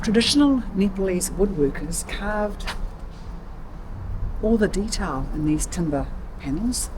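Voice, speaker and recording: Walking a night-time city with an action camera, a New Zealand-accented travel vlogger gives a tour full of facts and quick, excited remarks, often exclaiming. Her medium-pitched voice is animated and chatty. Clear outdoor street and traffic sound runs underneath.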